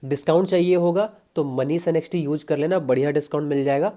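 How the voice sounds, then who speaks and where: A man's voice: a little high, fairly even intonation, fast, mellow. A young man, a fitness coach giving casual, chatty diet advice straight to his viewers. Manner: chatty, pushy, addresses viewers as brother.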